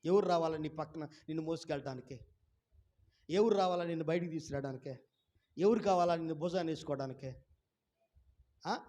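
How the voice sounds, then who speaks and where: A male pastor preaching a sermon to a congregation. He keeps putting questions to the listeners and urges them to call out their answers loudly. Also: fairly high pitch, a little fast, long pauses. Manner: fires rhetorical questions at the congregation. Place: church before a congregation.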